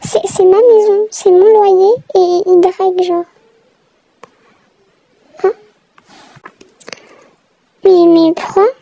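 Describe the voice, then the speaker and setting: A woman's voice: very high voice, level tone, extremely slow, creaky, long pauses, mellow, low-quality recording. A woman giving chatty, exasperated running commentary while she plays a game. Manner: chatty, reacting aloud, exasperated. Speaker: gamer narrating her play.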